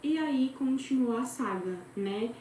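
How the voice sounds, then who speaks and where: A woman's voice: sits high, lively intonation, measured pace, warm tone. A young adult Brazilian woman telling a gossip story in a chatty, dramatic way, speaking straight to her friends. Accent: Brazilian Portuguese. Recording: very echoey room, far from mic, faint noise.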